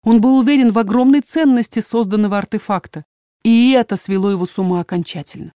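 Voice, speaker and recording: A woman narrating a first-person fantasy audiobook in a measured, expressive way, on a close mic. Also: mid-range voice, dry recording.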